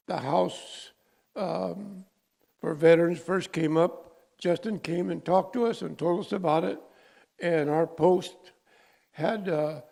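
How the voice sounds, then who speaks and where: An older man from California, a veteran being interviewed, who speaks haltingly and searches for his words. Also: a little high, gravelly, a little mellow. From California, USA. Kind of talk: personal interview.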